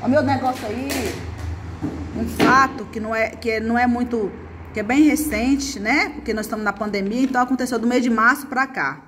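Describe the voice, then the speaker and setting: A woman's voice: fairly high pitch, fairly even intonation, brisk, noisy background. A woman from Brazil, a mother and a teacher, giving a chatty, coaxing remote lesson to schoolchildren. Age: adult, mother. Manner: chatty, coaxing, often adds "gente".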